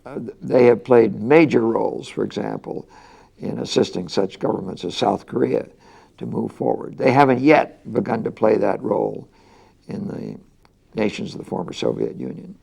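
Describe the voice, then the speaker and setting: Older male interviewee, deliberate and pausing for words, mellow, heavy vocal fry. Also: on the low side, animated. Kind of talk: measured interview answers.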